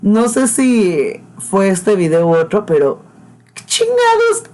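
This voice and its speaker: A man's voice: sits high, lively intonation, slow, mellow. A man with a Mexican accent hosting a reaction video, making sarcastic, mocking remarks. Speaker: host. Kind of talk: reaction commentary.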